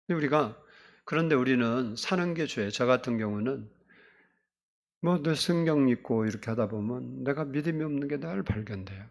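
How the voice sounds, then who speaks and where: A male pastor preaching a sermon, swinging between loud emphatic exclamations and soft, hushed asides. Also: medium pitch, animated, normal speed, gravelly.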